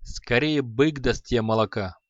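A man's voice: mid-range voice, normal speed, dry recording, natural voice. A man voicing a proud, irritable young apprentice who grumbles and snaps curtly in an audiobook. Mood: grumpy. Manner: grumbling, curt. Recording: slightly dull audio.

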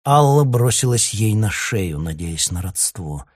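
A man narrating an audiobook in a lively, dramatic storytelling manner. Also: on the low side, a little slow. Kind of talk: audiobook reading.

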